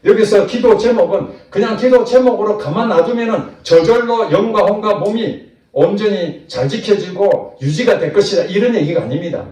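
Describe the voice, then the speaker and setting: Male pastor, sermon, animated delivery, echoey church hall, distant mic. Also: high voice, normal speed. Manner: animated preaching with voiced asides of imagined people. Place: church sanctuary.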